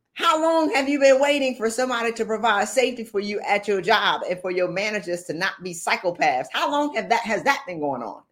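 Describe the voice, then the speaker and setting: A middle-aged woman speaks as a motivational speaker in a mid-pitched voice. Her delivery is informal and direct, blunt and emphatic, and she often repeats key phrases for effect. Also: fairly bright tone.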